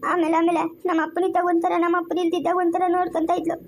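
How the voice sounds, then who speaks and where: A timid, tearful young village woman, played by a woman, with a rural Chikkaballapur Kannada accent, from a homemade family skit. She talks softly and haltingly in a very high voice, as if close to tears. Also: monotone, slight background noise. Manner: soft, halting, tearful storytelling.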